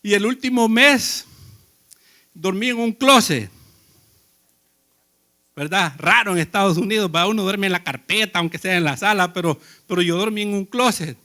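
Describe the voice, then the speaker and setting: High bright-voiced male preacher. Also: moderate pace, pauses often. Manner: conversational, addresses the congregation with questions; tells personal stories. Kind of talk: sermon.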